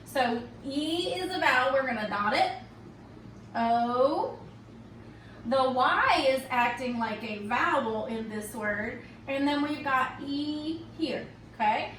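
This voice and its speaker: A woman teaching a reading lesson to young students, speaking slowly and patiently and checking in often with "okay?". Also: high voice, expressive, fairly bright tone. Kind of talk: recorded tutorial for young students. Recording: echoey room, distant from the mic, faint hiss.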